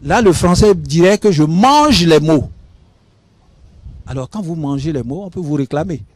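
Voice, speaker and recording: A slightly high, expressive male voice at normal speed, recorded clean on a studio mic with no room sound. The speaker, a public speaking expert from Benin appearing on a studio talk show, teaches patiently, spells words out, and checks in with "hein?"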